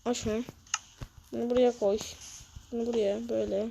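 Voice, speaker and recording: Brief: a woman with a somewhat high voice, chatty gameplay commentator, faint hiss behind her. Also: level tone, a little fast, vocal fry. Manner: muttering to herself, adding sound effects. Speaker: Minecraft video creator.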